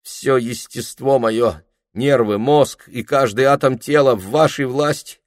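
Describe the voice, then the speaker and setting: A man's voice: lowish voice, normal speed, dry recording, studio quality, close to an everyday voice. A man doing a gloomy, hollow-voiced drinker. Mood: pleading. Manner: hollow, dull, gloomy speech. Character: gloomy down-at-heel man, stammering and lovesick.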